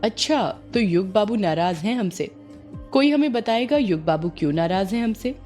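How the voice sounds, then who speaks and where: A woman's voice: medium pitch, moderate pace, dark tone, faint music behind, natural voice. Woman voicing a teasing young fisherwoman. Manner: teasing and coaxing.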